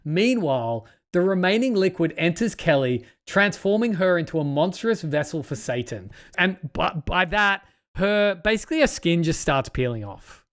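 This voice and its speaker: A man with a fairly high voice hosts a casual podcast. He retells a film's story with animated energy and acts out its lines along the way. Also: normal speed, few pauses. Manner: animated, retelling a film plot with acted-out quotes. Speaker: podcast host.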